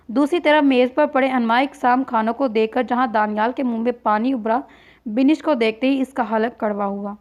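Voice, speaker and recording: Here a woman with a high-pitched voice narrates a novel from the page, evenly paced in a reading style, taking on each character's voice herself. It's a dull, low-fidelity recording that suggests a modest home setup.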